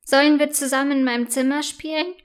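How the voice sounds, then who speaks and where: Woman doing a gentle little girl. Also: sits high, steady tone, quick pace, lightly acted. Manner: gentle, friendly. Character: kind, gentle second-grade girl.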